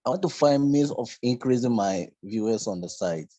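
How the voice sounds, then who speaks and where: A man's voice: medium pitch, expressive, mellow, no room sound. Hesitant man from Ghana, dry sound. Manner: hesitant, halting. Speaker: workshop participant. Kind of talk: asking a question on a call.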